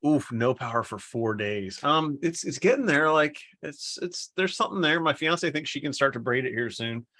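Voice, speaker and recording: A man's voice: fairly high pitch, lively intonation, normal speed, few pauses, pushed and bright, no room sound. A man hosting a livestream with casual, rambling, joking banter. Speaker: livestream host, company co-founder.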